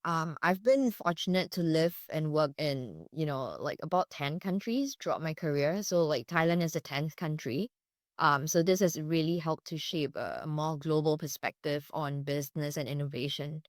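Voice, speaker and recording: Low-voiced woman from Singapore. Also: moderate pace, no echo, studio quality. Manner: relaxed, hedging with fillers, laughs often. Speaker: startup co-founder guest. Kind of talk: casual interview chat.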